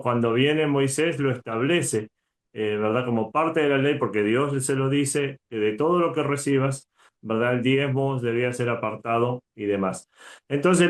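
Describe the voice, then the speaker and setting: An earnest man teaches from scripture in a conversational way, checking in with his listener as he goes. His voice sits in the middle range. The room around him rings with a noticeable echo. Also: mid-range voice. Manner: earnest, frequent "¿verdad?" tags.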